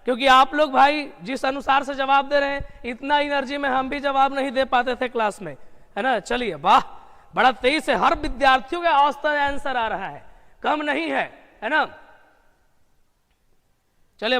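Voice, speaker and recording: A man teaching English grammar in a live online class, energetic and full of praise for his students. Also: very high-pitched, normal speed, long reverb tail.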